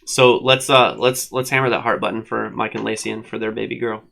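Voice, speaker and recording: Bright-voiced man in playful banter. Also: on the low side, fairly even intonation, brisk, gravelly. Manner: laughs often, playful, teasing. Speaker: co-host of a live online show. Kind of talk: casual banter. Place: at a desk at home with a dog.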